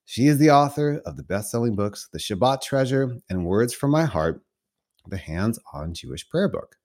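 A man's voice: medium pitch, animated, moderate pace, a little mellow. A man hosting an interview podcast, introducing his guest like a showman and then asking questions. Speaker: podcast host.

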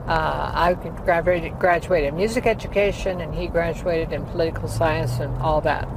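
Her voice sits low, with fairly even intonation and a moderate pace, as this woman in her eighties, a former opera singer, rambles about her career with many fillers. The casual interview is recorded against heavy traffic noise.

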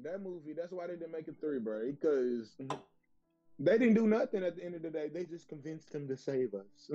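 An American man chats casually with podcast friends. His voice is a little high but warm and mellow, and he slips in slangy, agreeable remarks. There is quiet music in the background. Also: animated, normal speed, dull audio.

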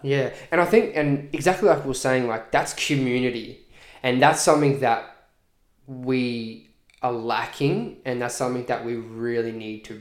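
A man's voice: medium pitch, moderate pace. A man talking casually and earnestly in a podcast conversation, repeating phrases for emphasis. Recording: echoey room.

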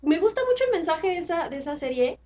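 A woman's voice: very high voice, sing-song, quick pace, darkish tone, highs cut off. A woman in her twenties with a Mexican accent, co-hosting a podcast in an enthusiastic, slangy and frank way. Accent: Mexican Spanish. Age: 20s. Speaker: podcast co-host. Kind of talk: casual chat.

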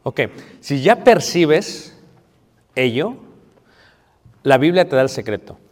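A man's voice: fairly high pitch, big pitch swings, slow pace. A man preaching a marriage sermon, conversational and playful, asking the audience questions. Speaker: pastor. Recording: long reverb of a hall.

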